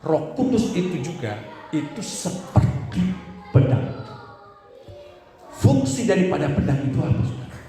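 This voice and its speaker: A male pastor tells a story from the pulpit with animated energy, often calling on his listeners as "saudara". His voice sits a bit high for a man. The sound bounces heavily around a very echoey church hall. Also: unhurried, pauses often, faint music behind. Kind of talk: storytelling sermon.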